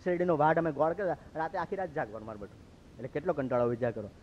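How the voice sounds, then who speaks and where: A man from Gujarat, a monk telling stories in a lively sermon and acting out what others said. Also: on the high side, very fast, a little hiss or hum. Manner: lively, acts out quoted speech. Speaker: monk preacher. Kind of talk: storytelling sermon. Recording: dull lo-fi recording.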